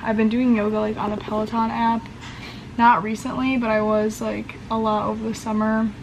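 Young female college vlogger, hoarse and losing her voice, fry-heavy, casual, noisy bedroom recording. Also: a little high, level tone, moderate pace. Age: young adult. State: losing her voice after screaming. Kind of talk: casual vlog chat. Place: small bedroom, indoors. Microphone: camera at about arm's length.

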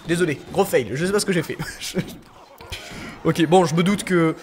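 A man's voice: fairly high pitch, a little slow. Hesitant French-speaking gaming vlogger man. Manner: hesitant, many fillers and restarts, excitable outbursts. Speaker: gaming YouTuber. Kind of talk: casual gameplay commentary.

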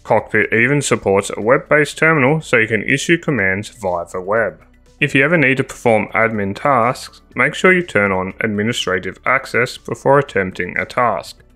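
A man narrating a scripted tech tutorial voice-over, spelling out commands slowly and deliberately. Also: fairly low pitch, expressive, pushed and bright, soft background music. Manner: slow, deliberate dictation of commands.

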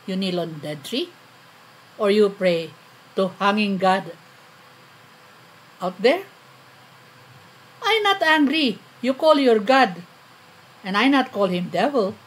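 A woman's voice: medium pitch, very animated, breathy edge, heavily acted. A Filipino woman voicing an aggrieved villager in broken English. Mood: indignant. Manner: blunt, halting, accusing broken phrases. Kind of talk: dramatic poetry reading.

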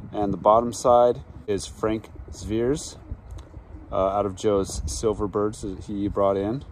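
A man in his forties, a pigeon breeder, calmly showing birds in his backyard and talking in an unhurried, matter-of-fact way with frequent ums, recorded on a handheld phone. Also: fairly low pitch. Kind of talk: casual show-and-tell. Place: backyard outdoors. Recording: faint outdoor background noise.

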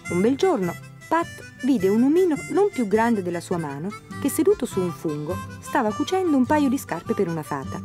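A woman narrating a children's tale in an animated, dramatic audiobook style. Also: on the high side, moderate pace, hardly any pauses, music in the background. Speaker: storyteller. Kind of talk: expressive audiobook storytelling.

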